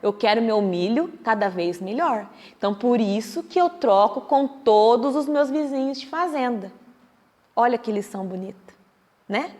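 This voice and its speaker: A woman's voice: on the high side, animated, moderate pace, darkish tone. A Brazilian woman giving a public talk at a Spiritist center, telling a story and acting out what other people say. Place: meeting hall of a Spiritist center. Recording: echoey hall.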